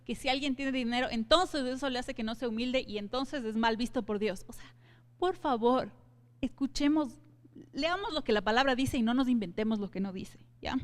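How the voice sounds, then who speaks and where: A woman's voice: fairly high pitch, normal speed. A woman teaching a church Bible study, speaking earnestly and addressing her listeners directly. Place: church hall. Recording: long hall reverb.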